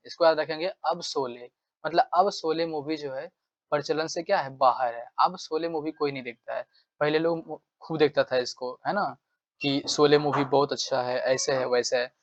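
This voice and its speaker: Repeating phrases again and again, this male teacher works through exam-prep vocabulary and performs angry demands as examples while he explains. His voice is a little high, and the audio has no echo but loses its high frequencies.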